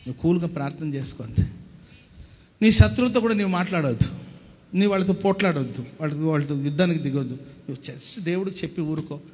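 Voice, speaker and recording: A man's voice: a little high, fast, big-room sound. A male pastor preaching a sermon, emphatic, calling on the congregation to respond and mixing in English words.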